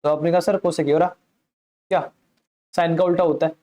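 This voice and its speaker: Mellow-voiced man teaching maths. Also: on the high side, little pitch movement, normal speed. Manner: asks himself questions and answers them, calls listeners "sir"; patient, repeats key points. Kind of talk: explanatory classroom lesson.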